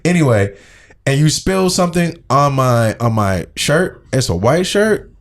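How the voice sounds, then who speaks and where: A man's voice: mid-range voice, very animated, measured pace. A man co-hosting a casual podcast chat, playful and slangy, often laughing as he tells stories. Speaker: podcast co-host.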